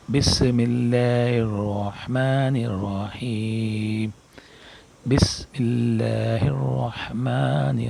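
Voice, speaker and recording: A man giving a video lesson on correct prayer recitation, slowly demonstrating words and sometimes dropping to quiet, breathy asides. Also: on the low side, slight background noise. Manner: slow, careful demonstration of recitation. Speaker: religious teacher.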